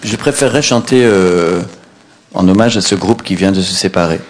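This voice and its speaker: A man's voice: deep voice, normal speed. A middle-aged man, an author, reading his own book aloud wryly and chatting with an audience. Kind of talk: literary reading and audience chat.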